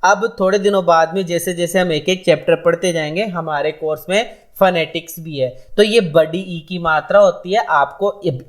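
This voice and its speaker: A man teaching an exam-prep English lesson in Hindi mixed with English terms, repeating key points and answering his own questions. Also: high-pitched.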